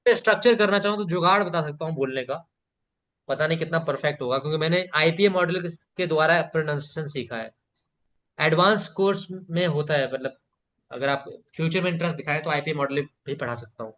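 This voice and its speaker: A man's voice: fairly high pitch, brisk, a bit bright. A man teaching a live online spoken English class, patiently repeating phrases for learners to echo and praising students by name.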